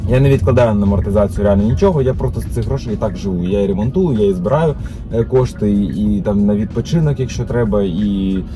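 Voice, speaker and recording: A man's voice: fairly low pitch, fast. A man talks casually from behind the wheel of his car, rambling through his thoughts with plenty of hesitations and restarts. He is recorded on a phone mounted inside the car, with music playing under his voice. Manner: rambling, thinking aloud with many filler sounds and restarts. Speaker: taxi driver vlogger. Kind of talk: casual chat while driving. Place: inside a car while driving. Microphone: phone camera mounted in the car. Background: background music and car noise.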